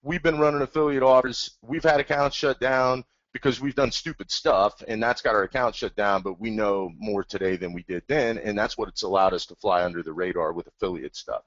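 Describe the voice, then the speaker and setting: A man's voice: lowish voice, steady tone, fairly quick, hardly any pauses, a bit bright, no room sound. A man co-hosting a webinar, talking casually and enthusiastically in a rambling, plain-spoken way over an online call. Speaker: webinar co-host. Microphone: computer mic over an online call. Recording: dull, dry online call audio.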